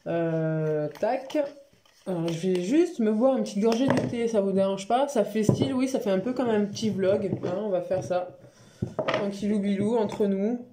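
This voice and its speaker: A woman talking casually and frankly in a home haul vlog, chatty and quick to laugh. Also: medium pitch, noisy background. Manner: chatty, frank, laughs easily, many fillers. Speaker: beauty vlogger. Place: home living room by a Christmas tree.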